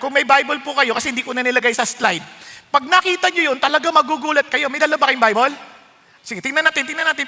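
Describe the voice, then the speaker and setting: Male pastor, very high bright voice, long hall echo, mixes Tagalog and English, reads verses slowly. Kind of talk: sermon.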